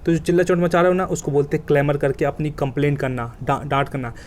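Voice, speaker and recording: Fast-talking vocabulary teacher, man. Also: a little high, fairly even intonation, darkish tone, a little hiss or hum. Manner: colloquial, joking, emphatic with vivid examples. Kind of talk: exam coaching lesson.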